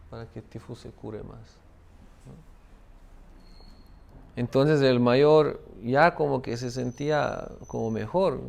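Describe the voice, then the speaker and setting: Man, spiritual teacher, gravelly voice, keeps asking "¿no?". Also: mid-range voice, darkish tone. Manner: tag question "¿no?" after many phrases. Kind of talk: devotional talk with a parable.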